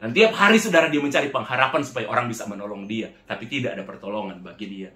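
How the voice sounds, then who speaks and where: A man's voice: on the low side, quick pace, bright, forceful tone, roomy sound. A man preaching as a pastor, telling a testimony to his congregation and often calling them brothers and sisters. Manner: addresses the congregation as "saudara" repeatedly, acts out quoted voices. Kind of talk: sermon testimony storytelling.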